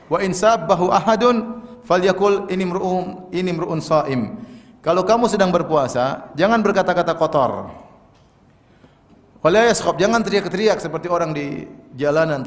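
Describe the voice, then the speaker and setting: A man's voice: on the high side, in a large hall. A man preaching a sermon earnestly, quoting Arabic scripture and repeating his key points. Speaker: Islamic preacher.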